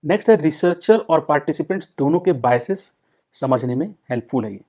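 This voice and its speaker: A man's voice: on the high side, expressive, brisk, darkish tone. A man teaching a psychology lecture for exam prep, explaining step by step and repeating key points. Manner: explains in Hindi mixed with English terms, repeats key points. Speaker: psychology tutor. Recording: dull, lo-fi sound.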